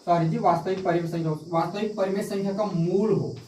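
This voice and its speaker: A man's voice: high-pitched, steady tone, fast talker, a little mellow, a little hiss or hum. A man teaching a math lesson, asking the class questions and answering them himself, repeating key points. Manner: repetitive, asks and answers own questions. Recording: echoey room, distant mic.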